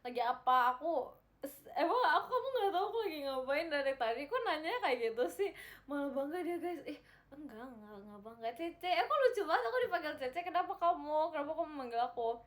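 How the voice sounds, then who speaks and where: A young woman hosts a casual livestream, reading viewer comments from the chat, giggling and repeating herself. Her voice sits high and sounds sing-song, and she talks fast.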